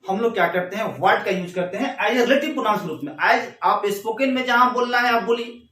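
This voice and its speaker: High-voiced male teacher in an echoey room. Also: lively intonation, pushed and bright, distant mic. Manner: explains slowly, reads English examples then repeats them in Hindi. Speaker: English teacher. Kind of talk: classroom grammar lesson.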